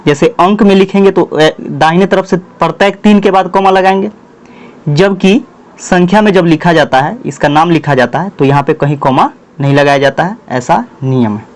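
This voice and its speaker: A man with a Bihari Hindi accent teaches a school math lesson and dictates each number slowly, one word at a time. His voice sits a little high for a man. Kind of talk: board-work math lesson.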